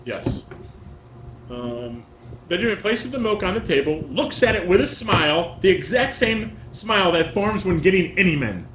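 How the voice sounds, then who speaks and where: An older man, a father, casually directs a table read at home, reading stage directions aloud and giving corrections in an instructing, corrective manner. His high-pitched voice is animated at a moderate pace. The home recording is roomy, with clear background noise.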